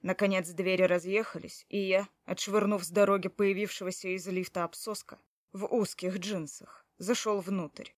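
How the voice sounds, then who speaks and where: A woman's voice: medium pitch, fairly even intonation, normal speed, no echo, clean studio sound, close to an everyday voice. A woman narrating in first person as a hot-tempered, jealous adult man, brusque and swearing under her breath.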